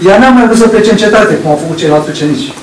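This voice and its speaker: Man preaching slow and drawn out, kinda high voice, echoey room, mic far off. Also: animated, noisy background. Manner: slow, deliberate preaching with long pauses. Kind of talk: sermon. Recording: roomy echo, distant from the mic.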